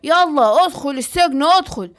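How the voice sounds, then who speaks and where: A woman's voice: high-pitched, animated, normal speed, fairly bright tone. A woman with an Egyptian accent voicing a taunting villainous stuffed toy bear in a children's cartoon. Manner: taunting, gloating.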